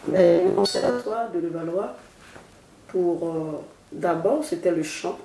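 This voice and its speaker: A woman's voice: fairly low pitch, echoey room, music in the background. A singer, giving a solemn, devotional testimony in an interview at her home. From Côte d'Ivoire. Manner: slow, solemn, devotional phrasing. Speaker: gospel singer, interview guest.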